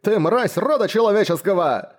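A man's voice: medium pitch, lively intonation, normal speed, darkish tone, natural voice. A man voicing a plump, cowardly aristocrat baron in an audiobook, wailing and full of self-pity. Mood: furious. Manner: wailing, self-pitying cries of pain. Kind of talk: audiobook reading.

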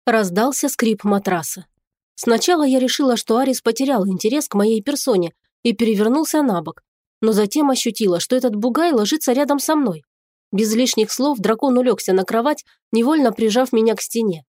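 A woman narrates a first-person fantasy audiobook with emotional, indignant storytelling. Her voice sits a little high. The recording is dry and close-miked, with no room sound. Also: animated, fairly quick, darkish tone, dry recording.

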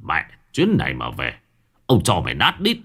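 A man's voice: low-pitched, wildly swooping pitch, normal speed, gravelly, bright, forceful tone, husky, exaggerated voice. A man voicing a hot-tempered village father, barking and scolding in coarse words. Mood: angry scolding.

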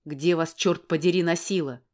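A gruff, short-tempered grown man barks his lines, read by a woman narrator. The voice sits fairly low, clipped and snapping, in an audiobook. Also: steady tone, normal speed, a little mellow, lightly acted. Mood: angry.

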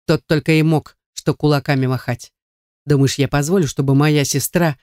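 A man's voice: a little high, steady tone, normal speed, a little mellow, dry recording, clean studio sound, close to an everyday voice. A man voicing a young man who coldly taunts his rival in an audiobook. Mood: taunting.

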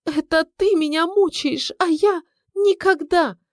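A woman voicing a hysterical, pleading middle-aged wife with a shrill, tearful manner. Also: unhurried, no echo, studio quality. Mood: tearful plaintive.

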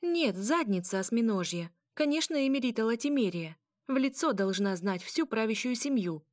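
A woman voicing a brash young noble mermaid woman, loud and commanding, laughing often. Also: a little high, expressive, fairly quick, no echo, studio quality, voice pushed up, close to an everyday voice. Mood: boisterous.

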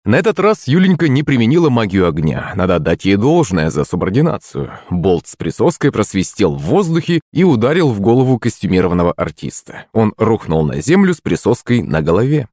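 A male audiobook narrator with a lowish voice that moves freely and expressively through the story. The sound is dry and close, with no room around it. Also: brisk, hardly any pauses, dry recording. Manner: animated storytelling. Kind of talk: scripted narration.

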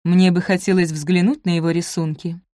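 A woman reading the part of an older noblewoman who speaks gently but firmly. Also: lowish voice, little pitch movement, moderate pace, no echo, studio quality, lightly acted. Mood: composed. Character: older noblewoman mother, calm and steely.

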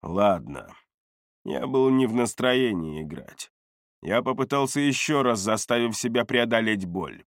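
A man narrating a first-person fantasy audiobook in a steady, measured manner. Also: medium pitch, no room sound, studio quality.

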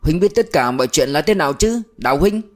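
A brawny officer in his forties grumbles through the heat in a gruff, raised voice, as a male audiobook narrator puts him on. He curses freely and sounds short-tempered. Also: fairly high pitch, lively intonation, brisk, faint music behind, pitched above the performer's own voice, lightly acted. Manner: grumbling, cursing. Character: burly gruff middle-aged male officer.

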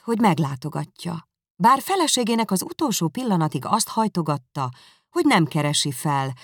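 A woman reads a classic novel aloud in a low, gravelly voice. Her delivery is measured but lively in pitch. The recording is close and dry. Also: no echo. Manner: measured, expressive storytelling. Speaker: audiobook narrator. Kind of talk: literary audiobook narration.

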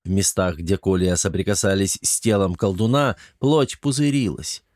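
A man narrating an audiobook in a steady, even storytelling voice. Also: sits low, moderate pace, no room sound, studio quality. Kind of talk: scripted narration.

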